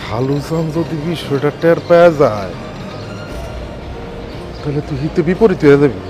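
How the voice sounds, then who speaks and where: A man's voice: fairly high pitch, expressive, normal speed, noisy background, lightly acted. An actor playing a young male house caretaker, fussy and scheming, speaking in an anxious way. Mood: worried. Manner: anxious, calls everyone uncle-in-law. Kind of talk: TV comedy drama. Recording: music bed under dialogue.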